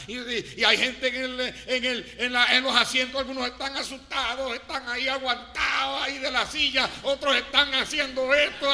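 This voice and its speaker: A man preaching a sermon to a congregation, with dramatic swings between hushed and loud delivery and playful asides to his listeners. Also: very high-pitched. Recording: long hall reverb.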